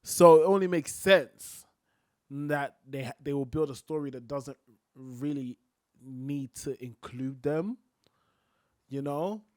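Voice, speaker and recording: A man's voice: mid-range voice, slow, long pauses, a little mellow, no room sound, clean studio sound. A man hosting a reaction video, chiming in with short offhand remarks and casual opinions.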